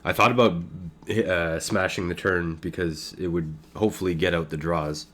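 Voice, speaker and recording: A man with a deep, low voice narrates his own online poker session live. He thinks aloud in a loose, casual way, trailing off with fillers and laughing at his own asides. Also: fairly even intonation, normal speed, fairly bright tone. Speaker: poker streamer commenting his own play. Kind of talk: casual live game commentary.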